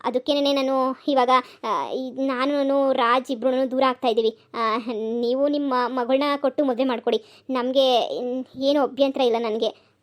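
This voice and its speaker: A voice actor playing a polite young woman who calmly explains herself and mixes English words into her speech in a cartoon comedy. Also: high voice, measured pace. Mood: calm, explaining. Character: calm young woman, career-minded ex-girlfriend.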